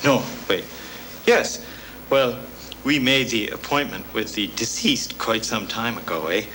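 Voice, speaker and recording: An actor playing a bossy, dim young Canadian man with a flat, slangy drawl and a Canadian accent. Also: medium pitch, unhurried, a little hiss or hum, low-quality recording. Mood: bluffing. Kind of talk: film comedy dialogue.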